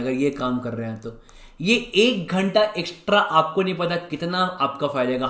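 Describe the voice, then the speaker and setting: Animated Indian man coaching in echo. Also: fairly high pitch. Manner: animated, switches pace often, mimics students in quick bursts. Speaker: CAT exam coach. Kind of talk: motivational lecture to students. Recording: echoey room.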